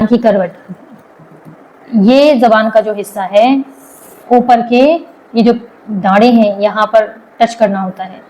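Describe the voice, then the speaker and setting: A woman with a fairly high voice teaches letter pronunciation in a slow, patient lesson. She drills each sound several times over, pausing between syllables so that learners can follow. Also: a little mellow, rough recording. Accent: Urdu-Hindi of South Asia. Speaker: Quran tajweed teacher.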